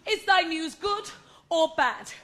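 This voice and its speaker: A woman's voice: very high voice, lively intonation, slow, a bit bright, full character voice. A woman playing an impatient, lovesick young girl in a Shakespeare play, pleading for news. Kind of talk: Shakespeare stage acting.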